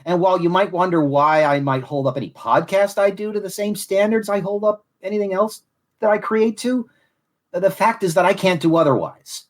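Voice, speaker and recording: Speaking at a normal speed in a high voice, this Southwest Florida man reflects aloud as the host of his podcast. His wording is ornate and formal, and his mid-Atlantic accent keeps sliding toward a Southern one.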